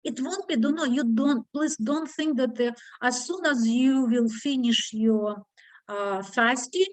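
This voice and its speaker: A woman's voice: high-pitched, dry recording, low-quality recording. Woman with a foreign accent, hesitant. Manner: halting, many fillers and restarts. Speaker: discussion group leader. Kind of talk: online group discussion.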